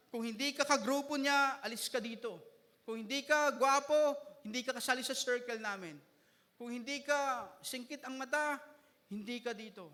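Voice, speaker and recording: A man's voice: extremely high pitch, bright, forceful tone. A man preaching a sermon as pastor, switching between Tagalog and English and joking with his congregation. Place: church hall. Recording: reverberant church hall.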